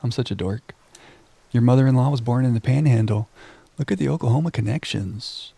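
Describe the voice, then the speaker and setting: Here a game-streaming host with a relaxed, creaky-edged voice chats with his viewers and reads on-screen text aloud. The medium-pitched, fairly quick delivery is close-miked and dry with no echo, and he keeps teasing himself.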